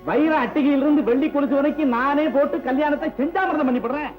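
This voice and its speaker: A man's voice: very high-pitched, fast, narrow, tinny audio, faint music behind. An actor playing a pompous, domineering middle-aged village headman who dotes on his son, in a 1960s film. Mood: boastful. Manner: boastful and domineering. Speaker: village council president.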